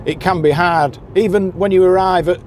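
His voice sits high with fairly even intonation, a moderate pace and a slightly mellow quality. He is a boat skipper's guide giving anglers practical, chatty directions in casual commentary from a moving car, with road and car noise behind.

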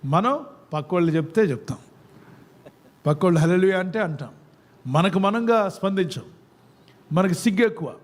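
High-voiced man preaching with call-and-response. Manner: call-and-response, quizzing the congregation. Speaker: pastor. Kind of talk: sermon. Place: church service before a congregation.

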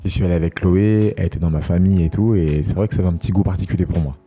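A man's voice: sits low, rapid-fire, dark tone, breathy edge, faint music behind. A man in his thirties from Kinshasa, chatting casually with many hesitant fillers. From Congo, Kinshasa. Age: 30s. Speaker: co-host of a couple's channel. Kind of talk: casual chat.

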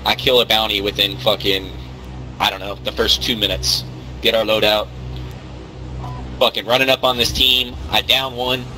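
A man's voice: lowish voice, level tone, moderate pace, long pauses, sharp tone, rough recording. A man in casual, profane squad chat during a game, with a teasing storytelling manner. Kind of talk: casual profane gaming banter.

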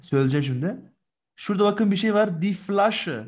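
Lively, patient male German teacher. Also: high voice, fairly quick. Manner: patient, drills vocabulary, praises answers. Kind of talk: remote classroom lesson. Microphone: video call.

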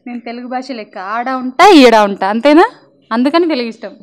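A high-pitched young woman works as an anchor, chatting with children in a light, teasing way. She talks a lot and keeps asking them questions. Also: lively intonation, fairly quick. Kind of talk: playful interview with children.

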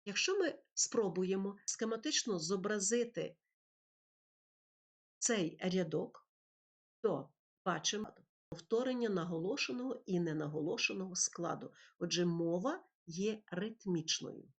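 A woman teacher narrating a lesson over slides, speaking slowly and clearly as she explains poetry and meter. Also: mid-range voice, expressive. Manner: slow, clear, explanatory delivery with recited verse.

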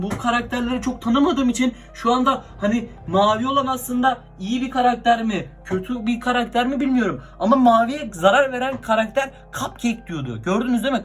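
A young man vlogging casually and excitedly, constantly talking to his viewers as he records himself. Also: very high voice. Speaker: YouTuber. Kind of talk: casual horror prank vlog.

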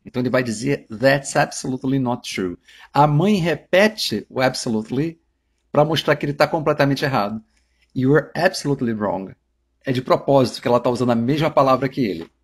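Husky-voiced Brazilian English teacher. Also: male voice, mid-range voice. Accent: Brazilian Portuguese. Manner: repeats English phrases slowly and deliberately. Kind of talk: explaining grammar in film clips.

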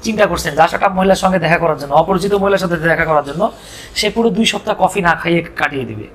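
A man with a Bangladeshi accent teaching English, reading story lines slowly and explaining them with playful, teasing asides. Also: fairly high pitch, fairly bright tone.

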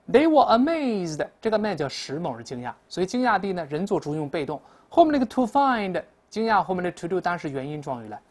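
A woman's voice: on the low side, darkish tone, husky. A woman teaching English in a classroom lecture, explaining answers and leading repeat-after-me pronunciation drills.

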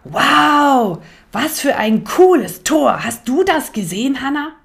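A woman voicing a football-mad five-year-old boy who shouts eagerly. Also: very animated, takes it slowly, vocal fry, full character voice. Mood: excited. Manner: shouting eagerly, high and loud.

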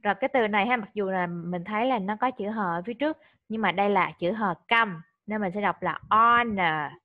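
A woman's voice: medium pitch, fast, lo-fi sound. A woman tutoring a child in English vocabulary, patient and coaxing, mixing Vietnamese and English.

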